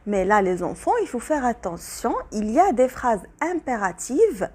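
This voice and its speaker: A woman teaching a grammar lesson to children, explaining each point patiently and repeating it, switching between languages to make it clear. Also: a little high, big pitch swings, unhurried, dark tone.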